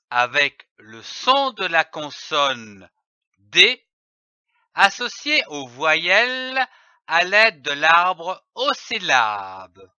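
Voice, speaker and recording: A man teaching children to read, sounding out each syllable with very slow, deliberate care. His voice is bright and lively in pitch. The recording is dry and a little dull, like a lo-fi voice-over. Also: smooth, no room sound. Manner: spells out letters and syllables carefully. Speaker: reading teacher. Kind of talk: slow, deliberate phonics lesson.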